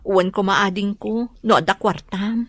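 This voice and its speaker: Lightly acted at normal speed, a woman's medium-pitched voice portrays a worried, apologetic mother in a radio drama who has fallen behind on boarding house rent. She pleads in a troubled mood with a Filipino accent, and there is no echo.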